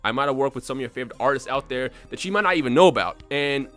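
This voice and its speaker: Fast, bright-voiced young man vlogging. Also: mid-range voice, faint music behind. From Bosnia. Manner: excitable, rambling, many restarts. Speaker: YouTuber. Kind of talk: unscripted casual vlog talk.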